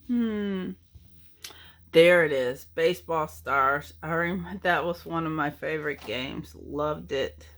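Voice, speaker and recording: A middle-aged woman with a low, fairly bright voice speaks slowly as she rambles nostalgically about her game collection in a casual chat. Her talk is packed with ums and uhs.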